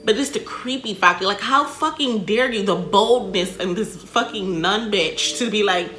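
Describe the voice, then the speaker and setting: A bright, forceful American woman reacts in a casual, slangy way, swearing freely and stressing her points. She sounds animated and emphatic. The room echoes a little, with music behind her. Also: medium pitch, normal speed. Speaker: reaction video host. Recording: roomy echo, music behind.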